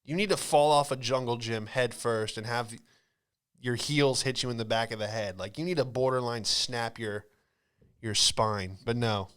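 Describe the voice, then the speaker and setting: At normal speed and medium pitch, with a clean, slightly bright tone, this American man in his late twenties hosts a podcast, recounting comic stories in an easygoing, slangy, rambling way.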